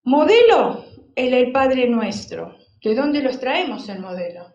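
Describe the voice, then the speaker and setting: Expressive woman preacher, roomy sound. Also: sits high, a little slow, lo-fi sound. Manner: expressive, asks the congregation questions. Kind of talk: sermon.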